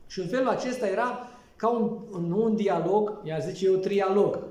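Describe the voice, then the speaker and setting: A man's voice: high-pitched, darkish tone. A priest explains the liturgy in a teaching manner, asking his listeners questions and reading psalms aloud. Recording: echoey room, voice from a distance.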